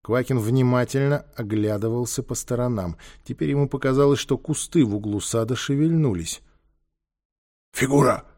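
A man's voice: mid-range voice, fairly quick, few pauses, warm tone. Man reading a story aloud. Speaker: narrator. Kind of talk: storybook narration.

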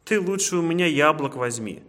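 A small, eager male hare from a fairy tale, his voice raised high and bright, as a man puts him on. He chatters generously and stammers when frightened. Soft reverb from the room hangs on every line. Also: animated, a little fast. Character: timid kind young male hare.

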